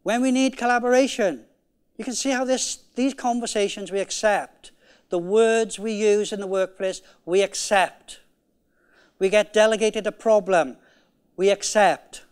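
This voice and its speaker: A man's voice: sits high, fairly even intonation, measured pace, clear, resonant tone. A man giving a conference keynote talk in an emphatic, conversational way, often repeating key phrases. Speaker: keynote speaker. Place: conference hall.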